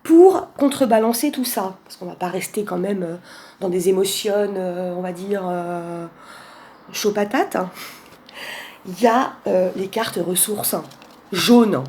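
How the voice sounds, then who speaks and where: A woman chats casually through a deck of cards for her vlog, with plenty of fillers and easy laughs. Her voice is mellow and warm at a middling pitch. Faint noise sits behind her. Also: unhurried. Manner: chatty, many fillers, laughs often. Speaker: vlogger presenting a card deck. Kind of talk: casual chat.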